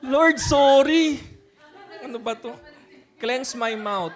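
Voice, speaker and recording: A man's voice: very high-pitched, takes it slowly. A man, a pastor, telling a personal story in a sermon, mixing in English words and often laughing as he talks. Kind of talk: sermon testimony.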